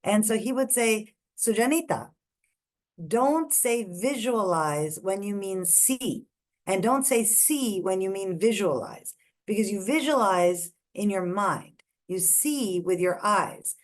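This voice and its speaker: Pointing to structures on images one at a time, a woman from India gives a methodical online lecture on ear anatomy in English, which isn't her first language. She takes it slowly, her mid-range voice animated.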